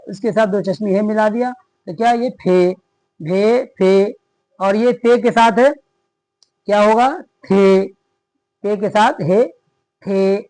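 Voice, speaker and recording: A man's voice: sits high, a little mellow, no echo. A man who teaches at a madrasa, patiently explaining letter sounds, repeating each one and asking the listener to say it back. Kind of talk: patient spoken alphabet lesson.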